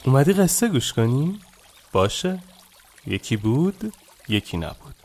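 A man narrating a story as a podcast storyteller, in an expressive, dramatic way. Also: medium pitch.

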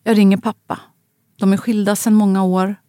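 A woman in her forties narrating a personal story in a quiet, halting, grave way. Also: mid-range voice, flat delivery, dry recording.

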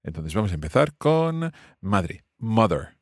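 A man's voice: lowish voice, very animated, a little slow, dry recording, studio quality. A man teaching family words in English, explaining patiently and repeating each word for his student. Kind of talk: language lesson dialogue.

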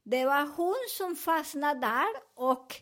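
A high-pitched woman therapist with a way of speaking, recounting her clients' stories. She talks earnestly and leans on repeated words for emphasis. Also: fairly bright tone. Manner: non-native Swedish grammar. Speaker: hypnotherapist.

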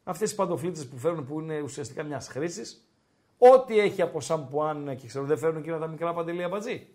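High-pitched man, casual host, teasing, drawn-out pauses, live betting chat. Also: darkish tone. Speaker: podcast host and betting tipster.

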